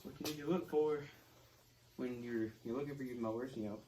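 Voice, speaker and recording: A young man giving a casual how-to to camera, halting as he searches for words. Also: mid-range voice. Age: young adult. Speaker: video host. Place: garage, phone on tripod a few feet away. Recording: clearly noisy garage phone recording.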